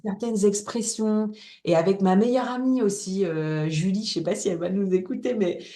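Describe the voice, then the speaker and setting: A woman's voice: mid-range voice, moderate pace, warm tone, echoey room. A woman coach from northern France, chatting candidly as an interview guest and laughing easily. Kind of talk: casual interview chat.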